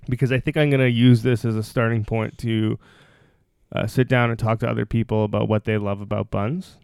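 A man from Toronto hosting a casual podcast chat, relaxed and rambling with fillers. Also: fairly low pitch, fairly quick, gravelly, clean tone, no echo, studio quality. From Toronto, Canada. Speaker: podcast host.

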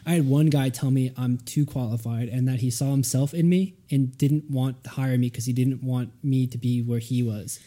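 A man's voice: medium pitch, fairly even intonation, normal speed, few pauses, warm tone. A man co-hosting a casual podcast chat, musing thoughtfully and rambling with many fillers. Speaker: podcast co-host.

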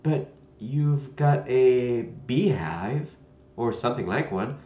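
A man's voice: medium pitch, animated, slow pace. A man voicing a polite, curious young girl who speaks mildly. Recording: dull lo-fi roomy recording.

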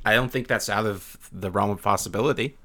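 A woman's voice: a bass voice, fairly quick, a bit bright. A woman co-hosting a casual podcast chat, reading listener emails with playful asides. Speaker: podcast co-host.

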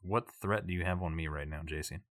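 A man playing a cold, low-voiced crime boss. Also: brisk, a bit bright, no room sound, studio quality. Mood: cold menace. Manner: clipped, coolly menacing. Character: menacing male crime boss, cold and threatening.

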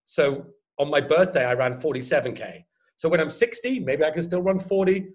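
A man in his fifties, an ultra runner chatting casually about his races, self-deprecating and quick to laugh. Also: a little high. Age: 50s. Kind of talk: casual chat.

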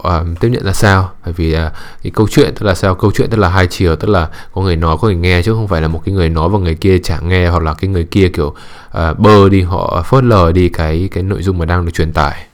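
In a measured, calm monologue, a man with a low voice offers advice on dating and communication. He pauses often with hesitant fillers and drops in English words.

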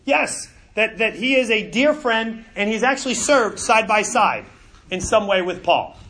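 Man, middle-aged, Bible class teacher, high voice, animated, conversational, repeats words. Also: unhurried. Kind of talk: classroom lecture.

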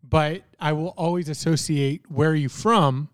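A man from South Florida co-hosting a podcast, chatting casually in a quick, reflective way and talking in long tangents. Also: fairly high pitch, steady tone, dry recording, studio quality. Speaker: podcast co-host. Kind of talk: casual chat.

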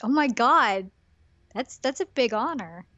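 A woman's voice: on the high side, lively intonation, a little slow, sharp tone, no echo, dull audio. Young female podcast co-host, playful joking banter, dry close mic. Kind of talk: casual podcast chat.

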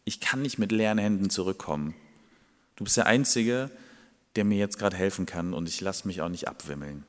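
A man plays a flustered man caught without food for a guest, worried and then insistently pleading. His voice sits low. It echoes through a large hall. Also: brisk, natural voice. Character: flustered man begging a friend for bread at night.

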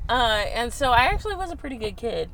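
A woman's voice: on the high side, big pitch swings, fast talker, gravelly, a loud crowd. A playful, slangy woman guest in a casual, sweary chat, recorded outdoors on a boat. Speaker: podcast guest, potter. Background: boat and outdoor noise.

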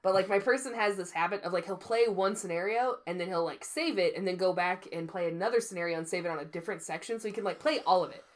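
A woman's voice: lowish voice, fast talker, hardly any pauses. A woman co-hosting a podcast, telling rambling stories in casual chat and laughing often. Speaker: podcast co-host.

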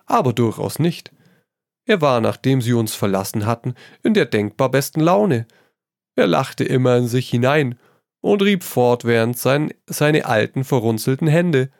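With a gravelly mid-range voice at a measured pace, a man narrates a story, giving voice to a teasing, worldly painter. The character is witty and amused, lively in his jabs at a friend, and slips French phrases in. The studio-quality recording is dry.

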